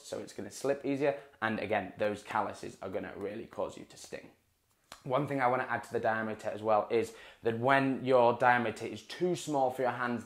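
Young male coach, casual to-camera tutorial, repeats for emphasis; lapel mic, small room. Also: medium pitch. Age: young adult. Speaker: water-ski coach. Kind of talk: instructional talk to camera. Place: small indoor room in front of a dark wall. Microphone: clip-on lapel mic.

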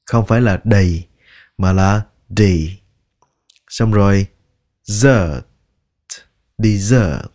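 Slow, deliberate male pronunciation teacher. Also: fairly low pitch, a little mellow. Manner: drills each word slowly, repeating it many times.

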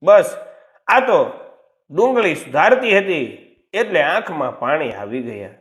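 A man voicing a gentle, innocent young bride who talks softly and gives way in a storybook tale. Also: fairly high pitch, big pitch swings, slow, echoey room, full character voice. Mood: covering up. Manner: soft and yielding.

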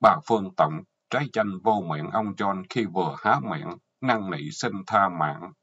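Casting: husky male storyteller, Southern Vietnamese accent, earthy and mocking, dull lo-fi recording. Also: low-pitched, unhurried, a bit bright. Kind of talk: short story narration. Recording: dull lo-fi audio.

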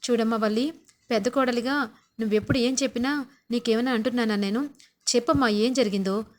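A woman's voice: on the high side, close to an everyday voice. A woman doing a stern old father-in-law. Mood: stern questioning. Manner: firm, questioning, quick. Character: older man, stern father-in-law, head of family.

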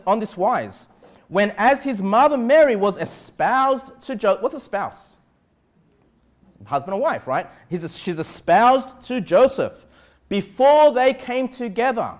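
A middle-aged pastor with an Australian accent gives a sermon in a high-pitched voice, emphatic and conversational in tone. He frequently adds tags to check that listeners are following along. He's at an indoor church pulpit in a small room, miked with a clip-on lapel mic.

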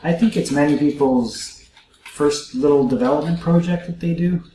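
A man's voice: on the high side, moderate pace, dark tone, echoey room, slight background noise, poor audio. A man hosting a let's play, musing aloud to his viewers in casual gameplay commentary.

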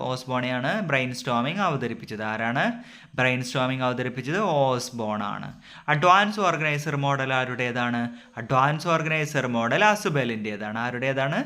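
A man, an exam coaching tutor who runs a rapid-fire revision drill, asking each question and then repeating the answer over and over. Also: mid-range voice, pushed and bright.

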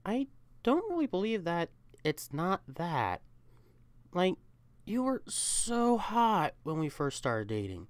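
Speaking slowly in a fairly low, sing-song voice, a young woman performs an ASMR roleplay as a catboy boyfriend who is affectionate, teasing and protective. The mood is playful and chiding, her delivery intimate and coaxing. The recording has no room sound.

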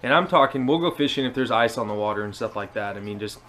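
A fishing vlogger in his twenties, an American man, gives a casual how-to talk to the camera in a small living room. His fairly low voice is animated, fast and a bit bright. It's picked up by an action camera on a table at arm's length, with a little hiss or hum.

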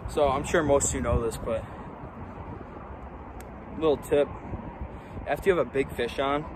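A young man giving casual commentary while fishing outdoors on a riverbank, excited and talking to the fish as he reels it in, recorded on a phone camera a few steps away. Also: medium pitch, normal speed, background noise. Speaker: fishing vlogger. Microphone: phone camera on the bank, a few steps away.

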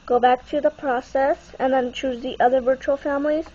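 A woman's voice: sits high, steady tone, normal speed, dark tone. A young woman with a stuffy, congested-sounding nasal voice, giving a casual unscripted how-to walkthrough into a handheld phone. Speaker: tutorial presenter. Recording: muffled, noisy phone camera recording.

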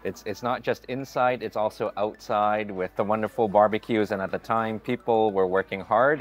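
A man in his forties giving an upbeat, chatty food vlog while walking through a hotel buffet restaurant. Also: on the low side. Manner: upbeat, chatty, often greets staff warmly. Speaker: food vlogger. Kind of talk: casual vlog narration.

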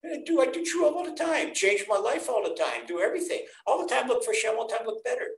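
An older man, a rabbi, teaching a weekly Torah class over a video call in an earnest, animated preaching way. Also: very high voice, fast talker, creaky. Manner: earnest, animated preaching, acting out quoted voices. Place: home room on video call. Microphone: webcam on a video call. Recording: roomy echo on a video call.

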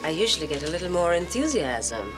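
An actress playing a flirtatious, self-assured seductress in a TV drama, teasing and unhurried. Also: female voice, on the low side, very animated. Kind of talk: 1980s TV action drama dialogue. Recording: TV soundtrack with music behind.

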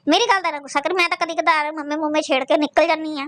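A woman's voice: high-pitched, steady tone, racing, fairly bright tone. A woman roasting someone in crude, mocking, scolding commentary full of profanity.

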